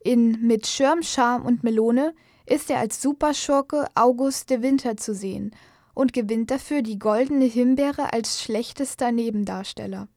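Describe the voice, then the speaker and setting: Higher-pitched female news narrator. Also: a little slow, darkish tone, dry recording. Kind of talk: scripted biographical news narration. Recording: dry studio voice-over.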